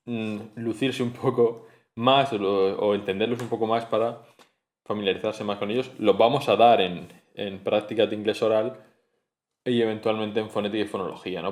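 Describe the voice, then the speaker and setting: A man giving a spoken phonetics lesson, explaining patiently and repeating sounds and example words aloud. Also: on the low side. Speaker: teacher.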